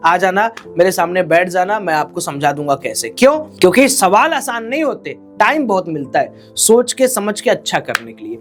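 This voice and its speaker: A man's voice: high-pitched, very animated, moderate pace, few pauses, soft background music. Man giving blunt exam advice. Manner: direct, exhorting, addresses viewers as friends. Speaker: exam coach.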